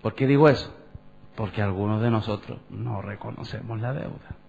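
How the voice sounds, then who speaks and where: A pastor, preaching conversationally and asking the congregation questions. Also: male voice, on the low side, normal speed, vocal fry, darkish tone, faint music behind. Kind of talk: sermon. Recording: dull lo-fi church recording.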